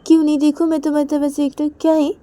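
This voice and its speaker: A woman doing a high, insistent young woman. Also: little pitch movement, racing, mellow, dry recording, close to an everyday voice. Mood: teasing, pleading. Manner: high-pitched, pleading, repetitive questioning.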